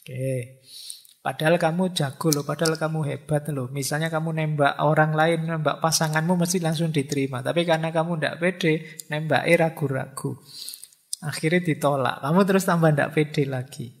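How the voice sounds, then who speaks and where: A man's voice: a little high, fairly even intonation, normal speed, creaky. A man giving an informal philosophy and religious study lecture to an audience, acting out people's inner voices as he teaches. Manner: informal teaching, Javanese-flavored asides, acts out inner voices.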